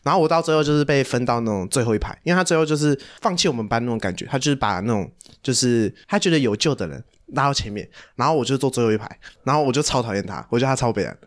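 A young man with a Taiwanese Mandarin accent, co-hosting a casual podcast and telling stories in an animated way, full of slang and swearing. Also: mid-range voice, very fast. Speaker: podcast co-host. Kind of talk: casual chat.

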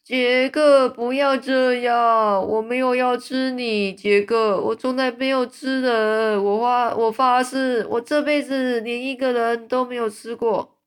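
A woman's voice: a little high, fairly even intonation, a little slow, clean tone, voice pushed up, natural voice. A woman doing a screaming, panicked man-eating giant. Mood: panicked pleading. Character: huge man-eating male giant in a nightmare. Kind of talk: storybook read-aloud.

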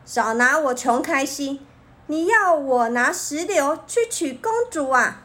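A woman's voice: fairly high pitch, expressive, a little slow, sharp tone. A woman playing a grumpy, hot-tempered poor young man in a children's story, speaking angrily. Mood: angry. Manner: angry, scolding.

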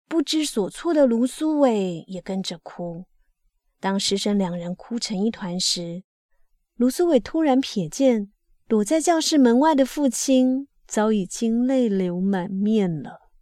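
A woman reading a life story aloud as scripted narration, in a steady, even storytelling manner. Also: medium pitch, a little slow, no room sound, clean studio sound. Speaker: reader.

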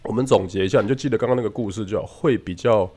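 A man's voice: on the low side, rapid-fire, a little mellow. A man teaching English phonics in Mandarin with a Taiwanese accent, explaining rules through a little story and mixing English words into his speech. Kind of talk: casual spoken English lesson.

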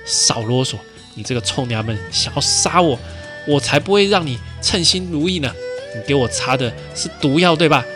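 A man playing a rough, hot-tempered male bandit in a storytelling podcast. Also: a little high, expressive, normal speed, music in the background, natural voice. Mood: furious.

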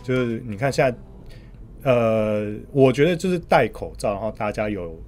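A man with a Taiwanese accent talks at a middle pitch in a casual podcast style, with soft guitar music underneath. He speaks as a guest commentator, haltingly, doubling up short agreeing words as he goes. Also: animated. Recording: music playing under the talk.

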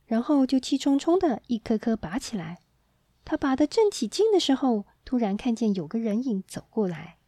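Woman reading a children's story, mellow tone. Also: fairly high pitch, normal speed, dry recording. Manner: gentle, expressive reading to children.

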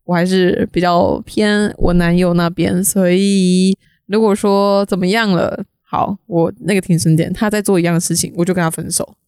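A woman's voice: on the low side, steady tone, moderate pace, darkish tone, clear, resonant tone, no room sound. Podcast guest: young woman, rambling and hesitant, dry close sound. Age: young adult. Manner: rambling, hesitant, many restarts. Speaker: guest graphic artist. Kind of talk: casual podcast chat.

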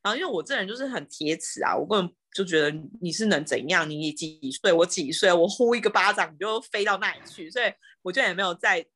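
A woman with a Taiwanese Mandarin accent, a home care worker, telling stories on a podcast in a lively way, acting out the dialogue. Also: on the low side, fast, few pauses. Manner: lively, animated retelling with quoted dialogue. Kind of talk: casual podcast storytelling.

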